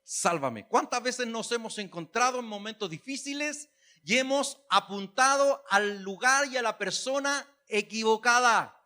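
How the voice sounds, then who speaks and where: A man's voice: extremely high pitch, moderate pace, pushed and bright. A man preaching a sermon, chatty and humorous, then rising to emphatic calls. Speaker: pastor.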